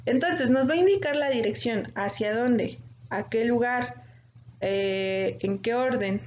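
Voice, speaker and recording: A woman's voice: on the high side, a little mellow. Mexican woman teaching with many fillers. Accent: Mexican Spanish. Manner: explanatory, frequent "eh" fillers and self-corrections. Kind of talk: online exam-prep lesson. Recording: dull lo-fi audio with faint noise.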